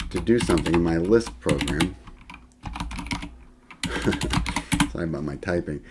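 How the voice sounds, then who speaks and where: Keyboard typing clicks in the background while a man teaches a screen-recorded software lesson for college students. He speaks low and easygoing, narrating his demo as he thinks, full of fillers and self-corrections, with some background noise present.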